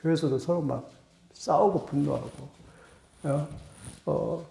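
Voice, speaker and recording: A middle-aged male pastor preaching a sermon, with sudden rising bursts, slowing down for scripture. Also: fairly high pitch, vocal fry, warm tone, echoey room, a little hiss or hum.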